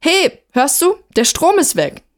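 A woman's voice: medium pitch, moderate pace, a little mellow, close to an everyday voice. A woman reading aloud and voicing a young female student who urges her friends to be careful, in a raised, pressing tone. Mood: urgent.

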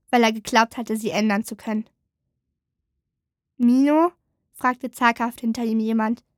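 A woman narrating a children's storybook in a gentle, calm way. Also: fairly high pitch, no room sound, studio quality. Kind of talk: storybook reading.

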